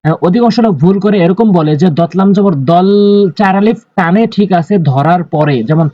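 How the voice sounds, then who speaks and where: A man teaching Quran recitation, slowly spelling out letters and drawing out the vowels, often repeating his instructions. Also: high voice, no room sound, highs cut off. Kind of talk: Quran reading lesson.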